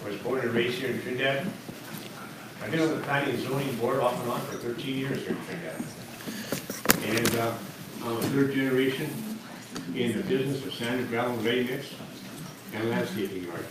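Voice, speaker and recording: A man's voice: mid-range voice, steady tone, a little fast, long pauses. A man giving a plain, matter-of-fact introduction of himself at a local meeting. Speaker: planning board member and local businessman. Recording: echoey room, distant mic, loud noise.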